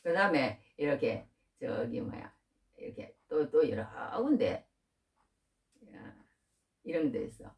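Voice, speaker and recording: A woman's voice: low-pitched, big pitch swings, a little slow, long pauses, a little mellow. Middle-aged woman, pastor preaching, informal rhetorical questions, recorded from a distance. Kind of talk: sermon. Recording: distant from the mic.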